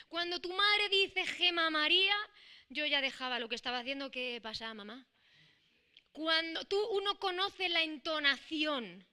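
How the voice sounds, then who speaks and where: A woman's voice: sits high, pushed and bright. A woman with a Spain Spanish accent preaching a sermon, reading scripture and expounding it with emphatic, rising declarations.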